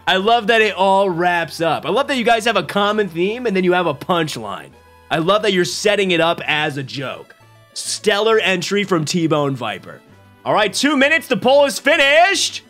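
Soft music plays as a twenty-something man does casual live-stream commentary from a small home room, speaking into a desk mic on a boom arm. Very animated, he jokes with energy and laughs frequently, his high, slightly bright voice keeping a moderate pace.

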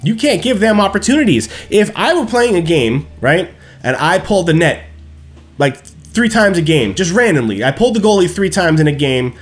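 A man's voice: high-pitched, moderate pace, faint music behind. A man in his thirties on a headset at home, ranting emphatically about a hockey game after it ends and checking in with his viewers with "okay?" and "right?". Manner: animated, emphatic, keeps asking "okay?" and "right?". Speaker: hockey fan streamer. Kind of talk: post-game hockey rant. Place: small room at home, seated in gaming chair.

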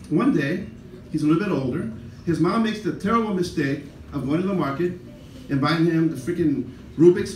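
Older mexican-american guy doing standup, kinda high voice, boomy club sound, mic sounds far off, faint room hum. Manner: rambling, self-deprecating storytelling with frequent "right?" asides. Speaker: stand-up comedian. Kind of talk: stand-up comedy set. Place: comedy club stage. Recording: roomy club sound from a distant camera. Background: audience laughter.

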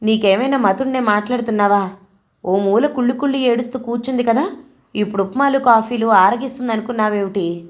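A woman voicing an anxious, hurried elder sister in a storybook reading. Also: fairly high pitch, natural voice. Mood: fretful. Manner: fretful, hurried.

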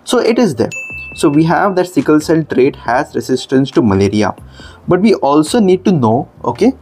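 A man's voice: on the high side, big pitch swings, normal speed, a little mellow, soft background music. A man who tutors for medical entrance exams, walking viewers through an app and a textbook in an explanatory, emphatic way that is full of "okay"s. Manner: explanatory, emphatic, repeats 'okay'. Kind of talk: screen-demo lesson.

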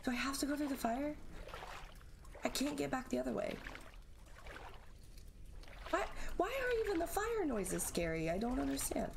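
A woman's voice: high-pitched, sing-song, moderate pace, gravelly, pauses often, noisy background. Jumpy woman chattering through a horror game. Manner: nervous, chatty, talking to herself. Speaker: gaming channel host. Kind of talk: let's play commentary.

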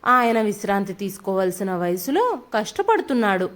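A woman's voice: mid-range voice, big pitch swings, normal speed, a bit bright, pitched below the performer's own voice. A woman voicing a compassionate wife who earnestly reasons with her husband. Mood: reproachful. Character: compassionate young wife, gently reproachful.

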